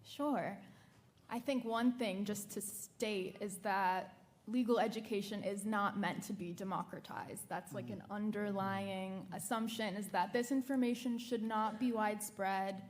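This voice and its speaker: A woman on a panel at a law school event, explaining her points in a measured way with a few fillers. Her voice sits at a middle pitch. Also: steady tone. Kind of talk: panel discussion.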